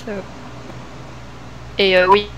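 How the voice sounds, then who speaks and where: A woman from Reunion Island streaming late at night, chatting casually, reading lines aloud and slipping into halting English. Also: mid-range voice, flat delivery, low-quality recording. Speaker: Twitch streamer.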